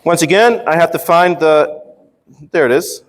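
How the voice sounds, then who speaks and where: A man's voice: on the high side, normal speed. A man teaching English in a casual, playful workshop style, often checking in with his students as he explains. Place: large reverberant room at a university workshop. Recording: echoey hall with long reverb.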